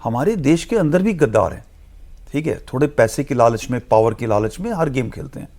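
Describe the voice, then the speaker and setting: Gravelly man explaining at length. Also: medium pitch, very animated, darkish tone. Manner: measured, lecturing, mixes in English phrases. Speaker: guest analyst. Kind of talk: explanatory TV discussion.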